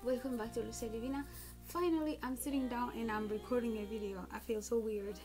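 A woman's voice: a little high, steady tone, fairly quick. A young woman chatting casually as a beauty vlogger giving a makeup tutorial, recorded on a phone in a room at home. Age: young adult. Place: small room at home, indoors. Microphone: smartphone at about arm's length. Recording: music playing behind the voice. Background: background music.

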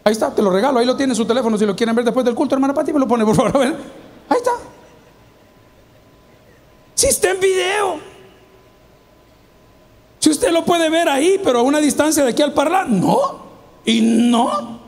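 Brief: Salvadoran man, pastor preaching a lively sermon in a church, very high voice, peppers the crowd with questions. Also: brisk, long pauses. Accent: Salvadoran Spanish. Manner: animated preaching, acts out quoted voices, asks the congregation questions. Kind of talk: sermon to a congregation. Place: church hall.

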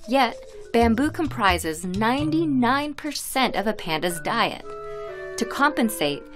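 A woman giving scripted, clear, informative documentary narration. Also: fairly high pitch, very animated, a little slow, fairly bright tone. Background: music.

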